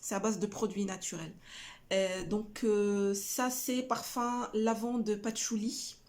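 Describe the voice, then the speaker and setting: A woman's voice: mid-range voice, steady tone, takes it slowly, darkish tone. A middle-aged woman casually chatting about her shopping haul, hesitant with many fillers and restarts. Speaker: family vlogger showing a shopping haul. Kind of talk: casual haul chat to camera.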